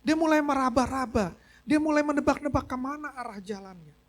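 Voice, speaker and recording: A man's voice: extremely high pitch, a little fast. A man preaching a sermon as pastor, telling a story and mixing English phrases into his talk. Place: church service.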